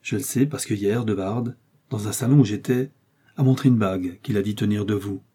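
Man doing an ardent young swordsman, eager, passionate, husky low voice, audiobook. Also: brisk, dark tone. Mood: explaining.

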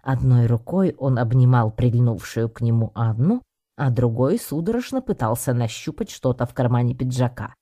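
A man narrating an audiobook with lively first-person storytelling in the voice of a cat. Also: medium pitch, moderate pace. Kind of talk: scripted narration.

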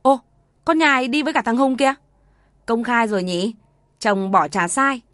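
A woman's voice: on the high side, lively intonation, moderate pace, fairly bright tone, no room sound, studio quality, pitched above the performer's own voice. A woman voicing a snide village gossip. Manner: snide, mocking.

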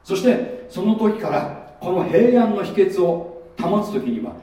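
A man's voice: high-pitched, sing-song, takes it slowly, mellow. A man preaching a sermon as pastor in a conversational way, often asking the listeners rhetorical questions. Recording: very echoey room, voice from far off.

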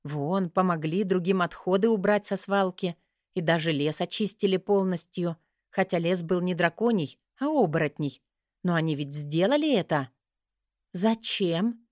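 A woman reading a first-person fantasy audiobook in a lively, wry storytelling manner. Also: fairly low pitch, moderate pace, no room sound, clean studio sound. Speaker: audiobook narrator.

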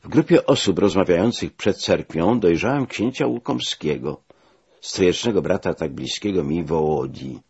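A man reading a first-person memoir aloud, telling it in a measured, expressive way with rising emphasis. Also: low-pitched, slightly rough, lo-fi sound. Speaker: audiobook reader.

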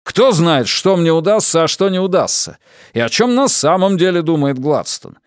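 A man voicing an agitated, bitter diplomat in a science-fiction audiobook, forceful and exclaiming with indignation. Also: on the high side, sing-song, unhurried, clear, resonant tone, dry recording, studio quality, voice pushed up. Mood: exasperated. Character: agitated, bitter male diplomat, the Consul of a space epic. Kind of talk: dramatised audiobook reading.

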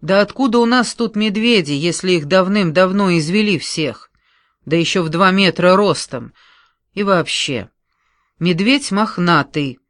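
Naive young country lad as a reader puts him on, halting, hesitant, slow, dry close sound. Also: mid-range voice, expressive, fairly bright tone, dry recording, pitched above the performer's own voice. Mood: indignant. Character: naive awkward young male forester's son.

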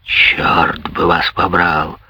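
Man voicing a grumbling angry older man, low growl, slow heavy words, dry sound. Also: pushed and bright, no echo, heavily acted.

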